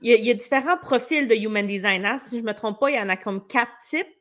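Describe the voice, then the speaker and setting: Higher-voiced Quebec woman hosting a podcast. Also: quick pace, fairly bright tone. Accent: Quebec French. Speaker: podcast host, business management coach.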